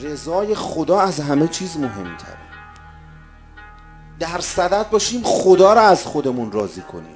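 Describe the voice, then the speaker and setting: A man preaching a sermon, moving from loud exhortation to hushed retelling of a story. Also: a little high, big pitch swings, soft background music.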